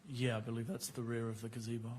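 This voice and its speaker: A man testifying as a witness under courtroom cross-examination, measured and factual, in formal official wording. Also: medium pitch, little pitch movement, darkish tone, a little hiss or hum. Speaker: witness, former police officer.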